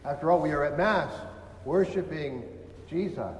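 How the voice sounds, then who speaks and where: A man's voice: fairly high pitch, animated, normal speed, slight background noise. A man with a California accent giving a Sunday homily as a deacon, conversational and full of rhetorical questions. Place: church. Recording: echoey church with long reverb.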